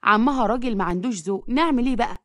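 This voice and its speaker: A worried, gentle mother pleads softly in quick Egyptian speech, as a woman puts her on. The voice is pitched fairly high and sounds dry and close to the mic. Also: dry recording, natural voice.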